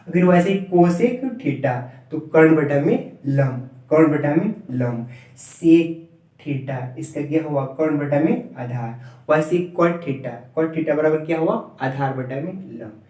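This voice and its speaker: A man's voice: on the high side, animated, slow pace, mellow. Male maths teacher, repetitive drilling style, distant echoey classroom sound. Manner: repetitive drilling, spelling terms out letter by letter. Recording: echoey room, voice far from mic.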